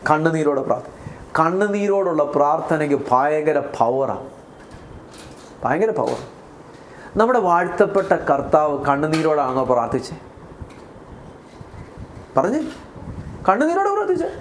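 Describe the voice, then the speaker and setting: A man's voice: fairly high pitch, lively intonation, moderate pace, pauses often, a little hiss or hum. A man with a Malayali accent preaching a sermon as pastor, often putting questions to the congregation. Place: church.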